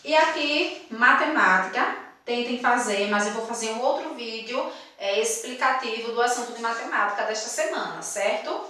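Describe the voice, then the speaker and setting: A bright, fairly high-voiced woman teaches young pupils, drawing out each word and asking them questions as she goes. She sits back from the mic in a very echoey room. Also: far from the mic. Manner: slow emphatic syllable-stressing explanations with quiz questions. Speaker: primary school teacher. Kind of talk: recorded remote class lesson.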